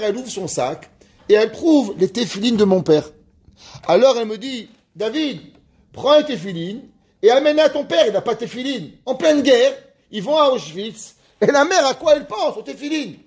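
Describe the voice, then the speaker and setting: Lively, high-voiced rabbi telling a story. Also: male voice. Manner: lively storyteller, reads Hebrew passages aloud. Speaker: rabbi teaching a Torah class. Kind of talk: ethics lesson with a told story.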